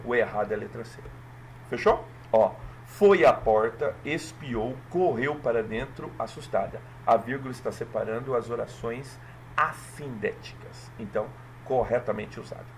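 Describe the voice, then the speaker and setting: A man from Brazil walking through an exam in a lesson, lively and checking in with listeners often. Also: mid-range voice, normal speed, a little hiss or hum. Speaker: teacher.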